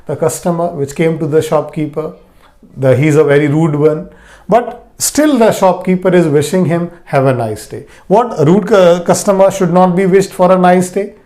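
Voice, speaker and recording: Man, high voice, grammar teacher, emphatic repetition. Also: dark tone. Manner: slow emphatic explanations, repeating key words. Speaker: English teacher. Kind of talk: classroom grammar lesson.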